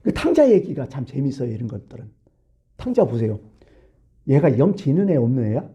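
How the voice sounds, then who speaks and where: A man's voice: medium pitch, sing-song, fairly quick, warm tone, dull audio. A middle-aged male pastor giving a sermon in a colloquial, storytelling way, full of rhetorical questions.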